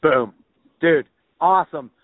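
A man's voice: fairly high pitch, slow pace, no echo. A man hosting a casual podcast, upbeat and slangy, full of "like" and "dude". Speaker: podcast host. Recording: tinny phone-like audio, dry.

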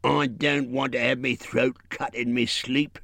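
A man's voice: medium pitch, level tone, measured pace, a bit bright, no echo, voice pushed up. A man voicing a quarrelsome, suspicious male troll who bullies in coarse slang. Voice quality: coarse, bullying, rough slang.

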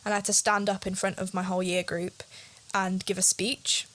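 A woman's voice: medium pitch, flat delivery, normal speed, a bit bright. Young woman, nervous podcast co-host, rambling, self-conscious, casual chat. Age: young adult.

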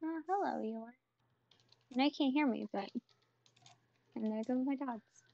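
A woman's voice: high voice, a little slow, vocal fry, no echo, highs cut off. A woman co-hosting a podcast from home, chatting easily with short agreeing replies over an online voice call. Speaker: podcast co-host. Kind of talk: casual podcast chat.

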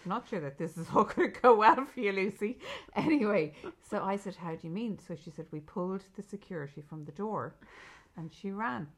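A woman's voice: mid-range voice, animated, normal speed. A middle-aged Irish woman co-hosting a podcast with her daughter, retelling a story emphatically in casual chat and quoting what was said. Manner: emphatic, retells with quoted dialogue. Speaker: podcast co-host, mother.

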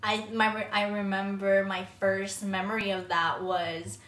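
Slow-talking woman, echoey and off-mic. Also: medium pitch, level tone, a bit bright, recorded from a distance. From Philippines. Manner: unhurried, many "um"s, frequent laughter. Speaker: podcast guest. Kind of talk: casual interview chat.

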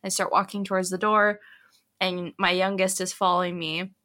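Bright-voiced young woman co-hosting a chat. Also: lowish voice, normal speed. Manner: animated storyteller, acts out her kids' voices. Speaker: podcast co-host. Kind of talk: casual chat, storytelling.

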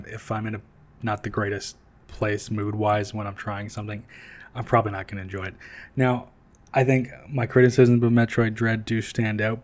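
A young man co-hosts a casual podcast and gives candid, rambling opinions. He laughs easily, and his voice sits slightly low. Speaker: podcast co-host. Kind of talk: casual chat.

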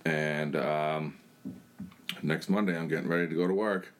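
A man's voice: extremely low pitch, steady tone, normal speed, slight background noise. A young man giving a blunt, plain-spoken personal testimony in a conversation. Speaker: church member sharing his testimony.

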